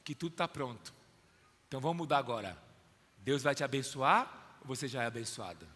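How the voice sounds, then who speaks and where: A man's voice: medium pitch, animated, brisk, bright, forceful tone, big-room sound. A Brazilian man preaching a sermon with an emphatic, fervent manner, often calling listeners son or dear. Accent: Brazilian Portuguese. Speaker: pastor.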